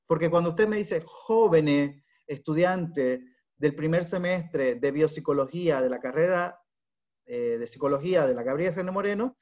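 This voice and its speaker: A male university teacher gives an online class in a slightly high voice. He explains patiently and keeps checking with his students. The sound is dull and lo-fi, like an online call. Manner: explanatory, repeats points with "¿no?" tags.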